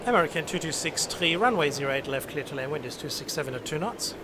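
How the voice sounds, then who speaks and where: A man's voice: fairly high pitch, animated, fast talker. A middle-aged man streaming an air traffic control game at a close mic, issuing formal commands and commenting on play. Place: indoor desk setup. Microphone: close desk microphone. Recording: loud background noise.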